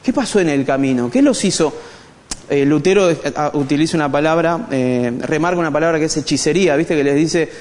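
A man with a Rioplatense Spanish accent leads an animated, joking Bible study, speaking directly to the group in a church hall. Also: on the high side, a little fast. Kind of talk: conversational church teaching. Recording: long hall reverb.

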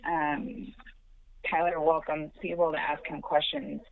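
A mother calling in over the phone to a sports show, explaining slowly and steadily with fillers. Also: low-pitched, little pitch movement, vocal fry. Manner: slow, measured explaining with fillers. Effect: heard over the phone. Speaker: mother of a burn survivor, phone guest. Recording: narrow, tinny phone line, dry.

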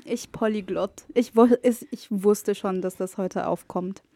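An Egyptian woman whose native language is Arabic chats casually as a podcast guest, frequently slipping English words into her speech. Her voice is medium-pitched and dark in tone, her pace measured, with no room sound.

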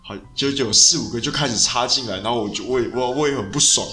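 A man's voice: mid-range voice, quick pace, pushed and bright, soft background music. A man, hosting a casual podcast chat, often restarting his sentences and slipping into English phrases. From Taiwan. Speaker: podcast host.

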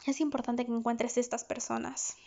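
A woman's voice: a little high, little pitch movement, moderate pace, gravelly, warm tone. Chatty woman psychologist, laughing. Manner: chatty, candid, laughs often. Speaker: psychologist, podcast host. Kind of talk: casual podcast monologue. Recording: dull lo-fi recording.

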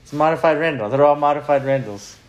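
A man's voice: on the high side, fast talker, slight background noise. A man hosting a casual podcast chat with profane, laid-back frat-bro slang. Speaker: podcast host.

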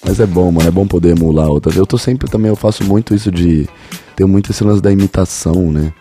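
A man's voice: low voice, dark tone, soft background music. A man with a Brazilian Portuguese accent, co-hosting a casual comedy podcast and telling stories by acting out the dialogue. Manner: fast storytelling, acts out dialogue voices. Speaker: podcast co-host.

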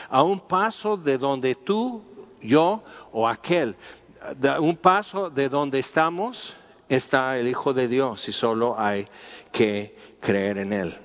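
A man teaches a Bible passage in an unhurried, conversational way, circling back and using plenty of fillers. His voice sits at a middle pitch. The recording is muffled and lo-fi, with a long reverb from a hall. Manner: informal, repeating himself and using many fillers. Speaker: preacher.

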